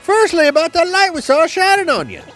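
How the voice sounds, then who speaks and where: A man voicing a shriveled old male Goomba professor in a quavering high old-man voice. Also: huge pitch swings, a little fast, fairly bright tone, faint music behind, exaggerated voice. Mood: doddering.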